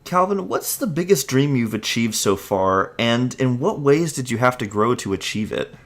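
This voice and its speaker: A man's voice: medium pitch, lively intonation, normal speed. Guy cohosting a podcast, voice moves up and down a lot, thoughtful. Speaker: podcast co-host. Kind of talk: casual interview chat.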